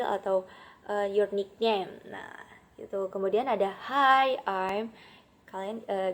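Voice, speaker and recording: A woman's voice: mid-range voice, darkish tone. A young woman with an Indonesian accent, an English teacher explaining a lesson casually, with many fillers and English phrases dropped into her talk. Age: young adult.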